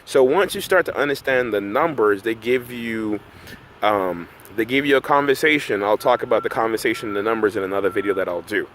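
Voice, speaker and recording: Outdoors in a park beside road works, a middle-aged numerology coach from Barbados chats casually to camera in a vlog monologue, often tagging on "right?". His voice is fairly low, fairly quick and fairly bright, with slight background noise.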